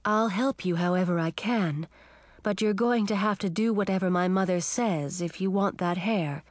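A woman voicing a young mermaid daughter, earnest and protective of her friends, whose voice rises high when she protests. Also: no room sound, natural voice.

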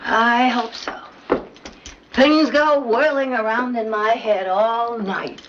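Slow-talking, coy older lady. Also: a little high, fairly even intonation, fairly bright tone. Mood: wistful. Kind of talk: light TV comedy-drama acting. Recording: muffled soundtrack, faint noise.

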